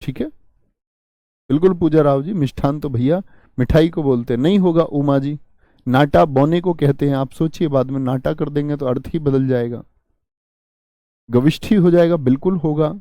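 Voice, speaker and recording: A man teaches a live online grammar class, patiently repeating key words and answering students by name. His voice sits a little high but sounds mellow and warm. The recording is dry, with no room echo. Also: normal speed, pauses often.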